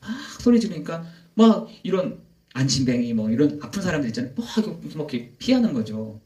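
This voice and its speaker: A man's voice: fairly high pitch, big pitch swings, fairly quick, dark tone, roomy sound, distant mic. A male pastor preaching a sermon. He throws rhetorical questions to the congregation and answers them himself, telling stories with heavy emphasis.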